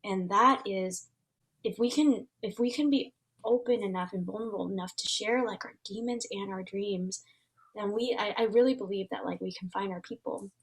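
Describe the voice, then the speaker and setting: Over a rough recording, a woman's mid-range voice moves at a moderate pace. She is in her thirties, a native Vietnamese speaker working as a transformation facilitator, and as an interview guest she reflects casually and earnestly, often restarting and using fillers.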